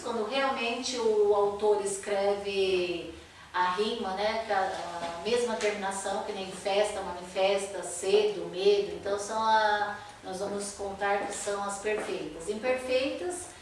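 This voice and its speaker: A woman's voice: mid-range voice, slight background noise. A woman teaching a poetry workshop, explaining rhyme and meter in a lecture and often checking in with her listeners. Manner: explanatory, checks in with frequent rhetorical "né?". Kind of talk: classroom lecture on verse and rhyme. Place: workshop classroom. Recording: echoey room, voice from a distance.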